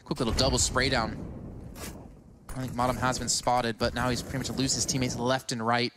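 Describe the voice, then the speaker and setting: A man's voice: mid-range voice, flat delivery, moderate pace. A man working as an esports caster, giving live game commentary and analysis. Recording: clear game noise behind voice.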